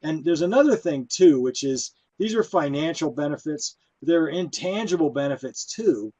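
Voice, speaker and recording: A man presenting at a conference, talking in a relaxed, conversational way with many fillers. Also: a little high, normal speed, slightly rough. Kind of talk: conference talk.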